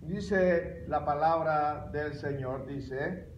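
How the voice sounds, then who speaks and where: A male pastor preaching a sermon, animated and emphatic, with bursts of loud exclamation. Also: fairly high pitch, extremely slow, reverberant, highs cut off, slight background noise. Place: church sanctuary.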